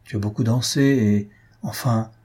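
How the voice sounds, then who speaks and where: A man's voice: fairly low pitch, fairly even intonation, measured pace, darkish tone, slightly rough. A man reading Silvius, a jovial young husband.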